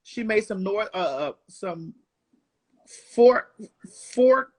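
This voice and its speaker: A woman's voice: mid-range voice, lively intonation, takes it slowly, darkish tone. Woman, forties, interview guest, outspoken, cursing freely, emphatic, mid-range voice. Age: 40s. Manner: blunt, profane, emphatic. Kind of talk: casual interview chat.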